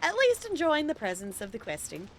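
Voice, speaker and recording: A woman's voice: high-pitched, huge pitch swings, brisk, a little hiss or hum. A woman streaming a game with casual, chatty commentary, giggly and thinking aloud.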